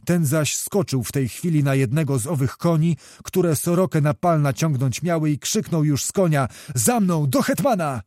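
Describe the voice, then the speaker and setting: A man reading a historical novel aloud as an audiobook narrator, in a measured storytelling manner. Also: fairly high pitch, dark tone, no room sound, studio quality.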